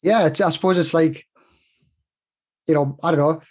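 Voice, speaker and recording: Guy in his 40s, slightly high husky voice, rambly chatty way of telling a story. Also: moderate pace. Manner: chatty, rambling, with many restarts. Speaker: guest. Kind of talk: casual conversational storytelling.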